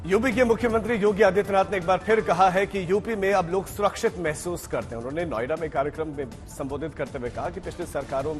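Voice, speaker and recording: A man's voice: high-pitched, fast, few pauses. A man working as a news anchor, reading a scripted bulletin. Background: music bed.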